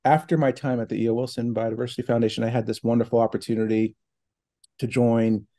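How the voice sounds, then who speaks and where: A man's voice: mid-range voice, little pitch movement, fast talker, warm tone. A middle-aged man talking casually from a home office over a video call, thoughtful, with many fillers and restarts. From New Hampshire and Ohio, United States. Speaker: guest, foundation president. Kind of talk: casual online interview. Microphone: video call from laptop.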